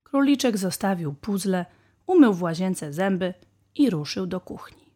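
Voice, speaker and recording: A woman narrating a children's bedtime tale in a gentle, even manner. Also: mid-range voice, measured pace. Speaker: storyteller.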